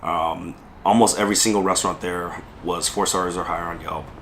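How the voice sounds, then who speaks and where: A man from Southern California, hoarse from a lingering illness, chatting casually in a food vlog with many ums and pauses. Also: low voice, fairly even intonation, a bit bright, a little hiss or hum. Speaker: food vlogger. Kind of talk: casual rambling mukbang vlog. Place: restaurant dining room.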